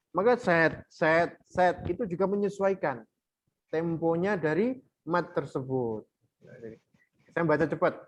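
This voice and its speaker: A man teaches Quran recitation rules. He explains each rule, then chants the verses slowly and counts the beats aloud. The sound is dull and lo-fi, like online audio. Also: high-pitched, darkish tone. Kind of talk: online workshop lesson with recited examples.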